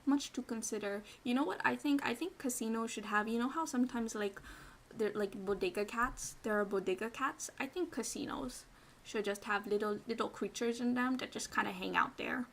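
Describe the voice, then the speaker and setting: Young woman, ASMR streamer: high, bright voice with gravelly fry, playful, rambling, slips into whispers. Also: a little fast, a little hiss or hum. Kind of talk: quiet casual ASMR chat.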